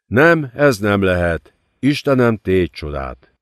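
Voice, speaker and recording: A man's voice: on the low side, sing-song, no echo, studio quality. A man voicing a terrified young woman who pleads in despair.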